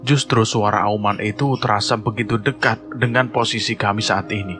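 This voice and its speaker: A man telling a horror story in measured, suspenseful scripted narration, with music playing behind. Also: lowish voice, fairly even intonation, fairly bright tone.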